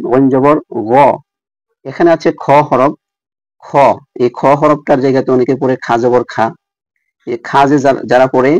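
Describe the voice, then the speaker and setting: A man teaching Quran recitation rules, repeating each letter sound slowly and speaking directly to viewers. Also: medium pitch, darkish tone, no room sound, lo-fi sound. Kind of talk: tajweed lesson.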